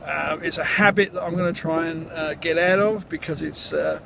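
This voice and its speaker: A man talking casually in a vlog, recounting things in a halting, rambling, matter-of-fact way. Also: fairly high pitch, steady tone, gravelly. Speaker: vlogger, amateur runner. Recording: outdoor noise, traffic.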